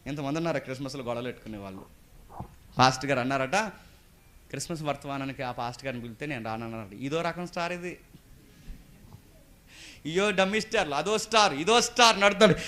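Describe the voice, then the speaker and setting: Bright-voiced Telugu preacher man. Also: mid-range voice, quick pace, long pauses. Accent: East Godavari Telugu. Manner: preaching with rhetorical questions to the congregation. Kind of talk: sermon.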